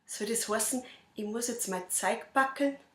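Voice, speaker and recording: A woman with a Bavarian accent, a cabaret performer reciting a dialect poem in a measured, rhythmic way. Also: a little high, fairly bright tone, echoey room. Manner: measured, rhythmic verse delivery.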